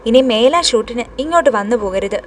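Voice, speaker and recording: An irritable young man who snaps and blames others, as a woman storyteller puts him on. He is a little high-pitched for a man, in a storybook horror tale. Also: expressive, fairly quick, slight background noise, lightly acted. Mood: irritated. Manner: angry, blaming.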